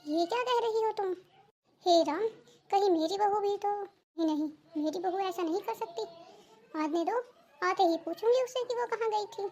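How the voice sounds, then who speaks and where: A woman's voice: very high-pitched, normal speed, darkish tone. A woman voicing a worried, suspicious mother-in-law in a cartoon, accusing and anxious. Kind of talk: cartoon dubbing.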